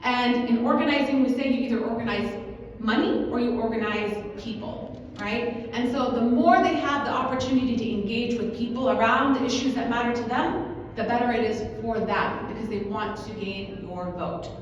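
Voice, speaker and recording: An advocacy manager who grew up in Kuwait makes a persuasive case at a convention, frequently checking in with "right?". Her voice is a little high and her pace moderate, captured by a distant mic with slight hiss or hum, so the big hall sounds echoey and dull.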